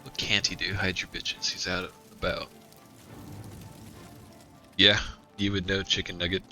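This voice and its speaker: Male streamer, very low voice, sarcastic jokes, game music underneath. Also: level tone, measured pace, sharp tone. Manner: sarcastic, joking asides. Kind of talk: casual gameplay commentary.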